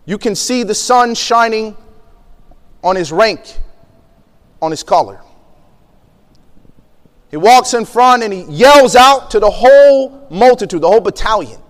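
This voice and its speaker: A man's voice: high voice, long reverb tail. A man preaching through a vivid personal story, acting out the quoted voices and laughing often. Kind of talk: storytelling sermon.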